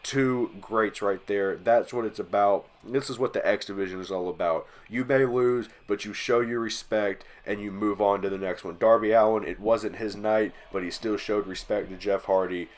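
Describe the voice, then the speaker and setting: A man with a stuffy, congested voice from allergies, hosting and calling play-by-play over a wrestling video game, getting loud on the big moves. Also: lowish voice, fairly even intonation, moderate pace, hardly any pauses. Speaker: channel host.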